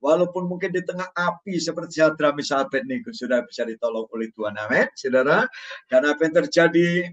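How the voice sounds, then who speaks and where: A man's voice: a little high, fast talker. Male pastor, church sermon, dull lo-fi sound, heard from a distance. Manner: animated, joking preaching with dramatic quoted voices.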